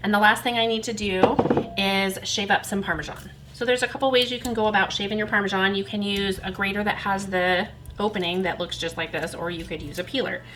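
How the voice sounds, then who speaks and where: Woman host for a casual kitchen demo, medium pitch, easygoing and self-deprecating, light room noise behind. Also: steady tone, brisk. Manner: chatty, self-deprecating, talks while working. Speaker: cooking channel host. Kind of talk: home cooking demonstration. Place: home kitchen.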